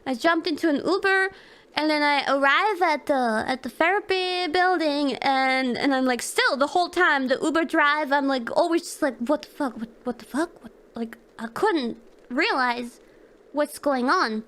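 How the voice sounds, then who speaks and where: A woman's voice: high voice, measured pace, fairly bright tone. A young woman streamer telling a personal story in casual chat, rambling and emotional, swearing and laughing often.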